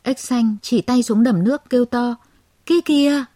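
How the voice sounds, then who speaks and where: A woman telling a children's fable in a measured, expressive way. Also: fairly high pitch, dry recording. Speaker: storyteller. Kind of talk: children's story narration.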